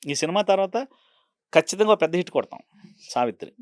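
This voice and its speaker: A man's voice: on the high side, expressive, quick pace, darkish tone, no echo, studio quality. A middle-aged man, a film art director, telling set stories in an interview and acting out the lines he quotes. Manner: acts out quoted dialogue, slips into Tamil impressions. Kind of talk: animated storytelling interview. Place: Telugu film channel interview.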